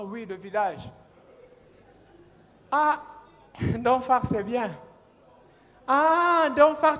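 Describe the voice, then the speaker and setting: A man's voice: very high voice, full character voice. A man doing a blunt mocking schoolteacher. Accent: Cameroonian French. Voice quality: loud, teasing, calls pupils by name. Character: blunt mocking male primary school teacher. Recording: live stand-up stage, long hall reverb.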